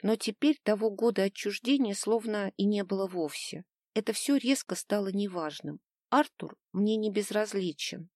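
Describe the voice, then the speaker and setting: A woman narrating a novel in the first person with an even, measured reading. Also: mid-range voice, dry recording, studio quality. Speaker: audiobook narrator.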